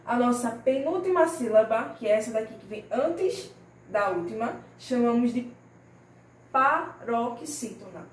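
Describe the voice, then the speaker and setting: Patient teacher, roomy distant sound. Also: female voice, a little high, expressive, a little mellow. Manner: patient, stretches out example words slowly, checks in with "tá bom?". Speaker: primary school teacher. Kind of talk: recorded remote class lesson. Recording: roomy, from the mic, faint noise.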